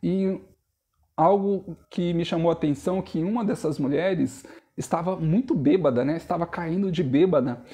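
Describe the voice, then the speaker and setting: Telling his congregation a personal testimony during a sermon, a young man speaks with earnest storytelling and calls them brothers. His voice is warm and fairly high, delivered at a moderate pace.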